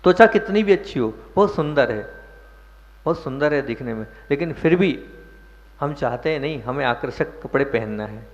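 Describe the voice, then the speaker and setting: A man preaches a sermon as a monk, putting questions to his listeners and landing hard emphasis on single words. His voice rings through a large hall with long echo. The recording sounds dull and muffled. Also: mid-range voice.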